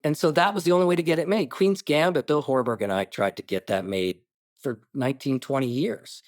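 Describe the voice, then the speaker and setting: A man, a writer-director being interviewed, telling stories in an animated way with quick asides and restarts. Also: medium pitch, dry recording, clean studio sound. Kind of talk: casual interview talk.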